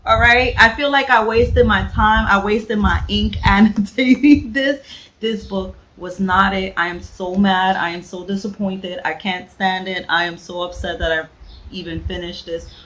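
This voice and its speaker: In a noisy vlog recorded at home, a book vlogger from the Bronx, New York, rants bluntly and with sass. Her mid-range, slightly bright voice stays steady at a measured pace as she repeats phrases for emphasis.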